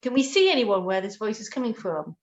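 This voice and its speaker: A woman's voice: mid-range voice, very animated, fairly quick. A woman player chatting casually at a tabletop role-playing game. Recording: dull lo-fi sound.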